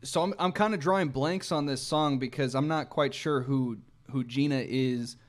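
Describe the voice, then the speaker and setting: A man at an ordinary mid pitch hosts a music breakdown. He reflects on lyrics in a calm, analytical way and sometimes restarts his sentences as he works out an idea. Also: normal speed. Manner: thoughtful, analytical, occasional restarts. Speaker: music reaction host.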